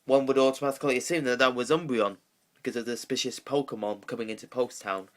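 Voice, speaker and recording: A let's play host chatting through a game in a casual, rambling way. He restarts his sentences as he thinks aloud, mid-pitched and easygoing. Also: steady tone, quick pace. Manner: rambling, self-correcting.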